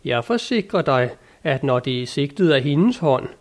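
A man's voice: mid-range voice, expressive. A man voicing an ardent, lofty old knight in an audiobook, speaking in a grand, old-fashioned and eager way. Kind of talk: audiobook character reading.

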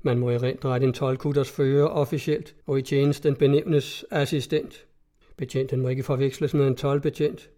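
Man, audiobook narrator, warm mellow voice, steady measured reading. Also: mid-range voice. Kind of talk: scripted story narration.

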